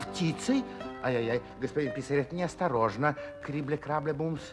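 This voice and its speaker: An actor playing a playful magical storyteller, narrating a fairy tale in a theatrical, teasing and suspenseful way. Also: male voice, on the high side, moderate pace, over music, close to an everyday voice. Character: playful magical storyteller addressing listeners and characters.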